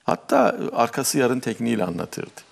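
A man, a talk show guest, telling a childhood fairy tale in an animated way and acting out quoted voices. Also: medium pitch, normal speed, gravelly, breathy edge, big-room sound. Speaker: guest storyteller.

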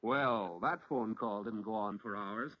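A man's voice: fairly low pitch, measured pace, dry recording. An American man narrating a 1940s instructional film like a newsreel narrator, in an instructive, approving way. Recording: dull, lo-fi 1940s film soundtrack.

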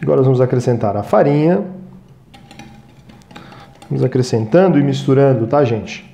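With faint music behind him, a cooking show host in his thirties talks in an animated, creaky, warm mid-range voice at a moderate pace. He's giving a casual demonstration in a small home-style studio kitchen indoors. Friendly and chatty, he keeps checking in with viewers by asking "tá, gente?".

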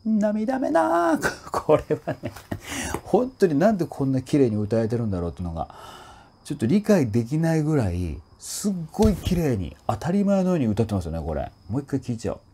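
Speaking quickly at medium pitch, a man explains a song during a relaxed voice lesson, with a little hiss or hum on the recording. He stays animated throughout and sings brief phrases as examples.

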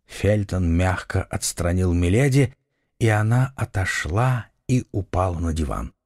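A man narrating an adventure novel audiobook with an expressive, dramatic reading. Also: sits low, unhurried, dry recording, studio quality. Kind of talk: scripted narration.

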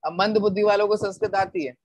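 Male religious teacher, patient explainer who repeats key points and checks that listeners follow, slightly higher voice. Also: fairly even intonation, fast talker, darkish tone, dry recording. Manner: rhetorical questions to listeners, checks they follow. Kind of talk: explanatory scripture lecture.

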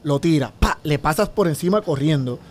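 This Dominican man in his thirties, voice on the high side, tells his story as a podcast guest in a casual interview. His delivery is animated and fast, packed with sound effects and gestures. The small studio has dark curtains, and he has his own studio mic on a boom arm plus headphones.

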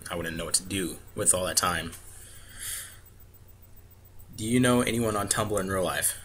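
A man's voice: low-pitched, moderate pace, fairly bright tone, a little hiss or hum. A man in his twenties with an American accent, chatting casually and hesitantly, often correcting himself, into a webcam mic in a room at home. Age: 20s. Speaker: vlogger answering a questionnaire. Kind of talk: casual chat with word-list and book reading. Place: small home room, indoors. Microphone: webcam or laptop mic at arm's length.

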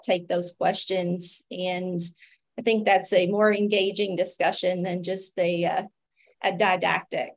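Female webinar host, thirties, Appalachian accent, medical presenter on a video call. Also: medium pitch. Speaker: webinar host, physician and pharmacist.

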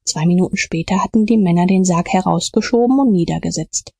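A woman reading an audiobook as narrator in calm, measured storytelling. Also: lowish voice, gravelly, husky, no echo. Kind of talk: scripted narration.

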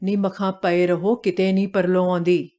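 A woman's voice: on the low side, flat delivery, normal speed, mellow, lightly acted. A woman voicing a sleepy village husband who grumbles and brushes off his wife. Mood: grumbling.

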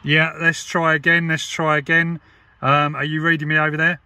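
A CB radio hobbyist who vlogs talks casually from inside a parked car as he demonstrates and chats on the radio. His voice is a little high and flat at normal speed, set against CB static, chatter, clear background noise and radio hiss.

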